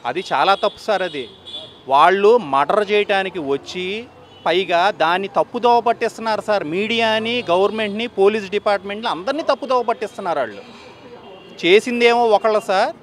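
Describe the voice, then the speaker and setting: A man's voice: high-pitched, fast, fairly bright tone, slight background noise. A young man with an Andhra Telugu accent, a theater owner making an agitated, pleading statement to the press, repeating his points.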